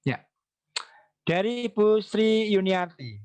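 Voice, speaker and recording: A man's voice: sits high, slow, clean tone. A man talking casually to parents in a question-and-answer session, reading out their questions and acting out everyday examples. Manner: lively, reads out questions and acts out examples.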